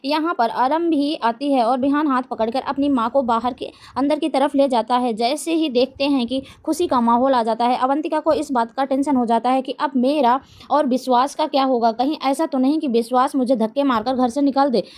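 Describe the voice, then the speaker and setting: A woman narrating a scripted plot recap of a TV serial episode in a steady storytelling manner. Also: sits high, normal speed, hardly any pauses. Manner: steady storytelling of scene events.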